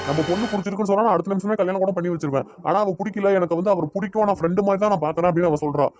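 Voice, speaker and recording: A man's voice: sits high, rapid-fire, music in the background, natural voice. A man with a Tirunelveli Tamil accent voicing a stubborn middle-aged father in a cartoon, scolding his wife in an argument. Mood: heated. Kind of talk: cartoon voice acting.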